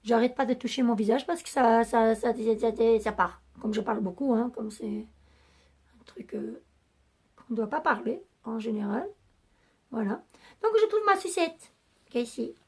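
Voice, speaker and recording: A woman vlogger with a raspy voice that is going hoarse, chatting to camera in a rambling way with many hesitations. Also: on the high side, moderate pace, pauses often. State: losing her voice. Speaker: beauty vlogger. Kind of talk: casual chat to camera.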